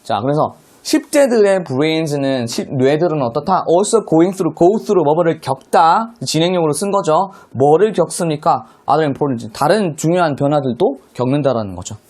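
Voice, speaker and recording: A man gives an online high school English lesson. His voice sits somewhat high for a man. He explains patiently, line by line, and keeps asking his students questions. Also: expressive, a little slow, few pauses, a little mellow. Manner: explains step by step, asks rhetorical questions. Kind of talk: online classroom lecture explaining a textbook.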